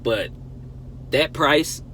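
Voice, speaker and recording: Driving his car, a male car vlogger casually tells a story in a fairly high voice, speaking very slowly. He's conversational and emphatic, breaking his talk into short phrases. Loud road and car noise fills the recording.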